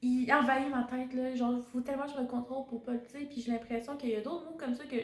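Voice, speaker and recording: A woman's voice: sits high, fairly even intonation, fast talker. A young woman with a Québécois accent, a student teacher chatting casually and hesitantly, often searching for her words. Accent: Québécois French. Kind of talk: casual reflective chat. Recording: roomy echo.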